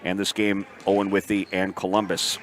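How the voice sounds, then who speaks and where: A man's voice: sits low, flat delivery, normal speed, soft background music. A man giving local pregame sports commentary as a broadcast announcer. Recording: faint gym noise behind.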